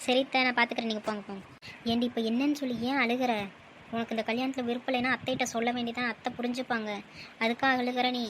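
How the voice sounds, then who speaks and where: A woman's voice: fairly high pitch, flat delivery, quick pace, a bit bright, a little hiss or hum, lightly acted, rough recording. A woman voicing a cheeky young woman, the bride's friend, in a cartoon, teasing and mischievous. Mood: coaxing. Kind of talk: cartoon voice acting.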